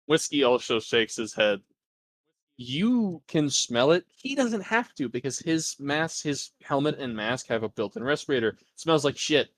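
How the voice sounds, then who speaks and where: A man's voice: medium pitch, expressive, moderate pace. A man running a tabletop game as game master, narrating crudely and laughing often.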